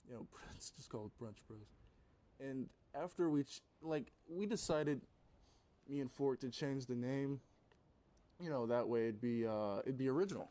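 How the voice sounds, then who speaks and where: A man's voice: medium pitch, dark tone. A man, a gaming YouTuber, rambling through a casual story with loose swearing and plenty of fillers.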